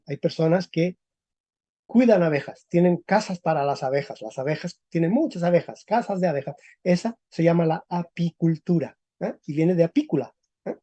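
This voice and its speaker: A male teacher giving a lecture on the history of Spanish, explaining step by step and checking with quick tag questions. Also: on the high side, expressive, dark tone, slightly rough, no room sound. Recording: dull lo-fi recording.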